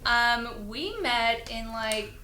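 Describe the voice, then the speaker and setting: Speaking extremely slowly in a slightly high, bright, forceful voice, a young musician born in London and raised in Los Angeles chats casually in an interview. She rambles, filling it with "like" and frequent giggles, recorded in an echoey room with faint ambience.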